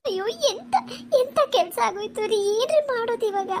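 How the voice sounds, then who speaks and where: A woman's voice: very high voice, expressive, brisk, a little mellow, a little hiss or hum. A woman voicing a fretful, tearful middle-aged mother of the bride in a cartoon, wailing anxiously. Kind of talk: cartoon voice acting.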